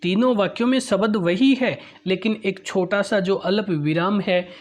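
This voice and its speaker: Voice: mid-range voice, unhurried, a little mellow. A teacher explaining a grammar lesson patiently, repeating points and often telling listeners to look, with English terms mixed in. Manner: mixes English terms into Hindi.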